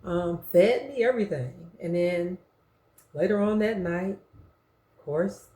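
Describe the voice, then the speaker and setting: A middle-aged woman tells her own story in a blunt, slangy way, acting out what others said. Her voice sits a little low, with a soft, mellow tone. The room around her has a noticeable echo. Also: slow. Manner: frank, slangy and animated, acting out quotes. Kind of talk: confessional storytelling. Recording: roomy echo.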